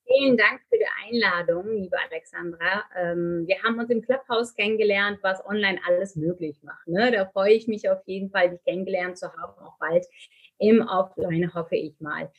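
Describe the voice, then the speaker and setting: A middle-aged woman from Turkey talks in an interview in an earnest, open way. Her voice is husky and a little breathy, sitting in a middle range. She fills pauses with hesitations as she speaks. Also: medium pitch, dull audio. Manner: earnest, candid, many fillers. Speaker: guest, speaker and author. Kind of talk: conversational interview.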